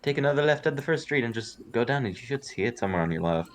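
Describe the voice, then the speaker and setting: A man's voice: mid-range voice, expressive, very fast, a little hiss or hum, pitched above the performer's own voice, close to an everyday voice. A man voicing a cheery, fussy male halfling wizard who runs a magic shop, stammering eagerly. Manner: eager, stammering, repeats words.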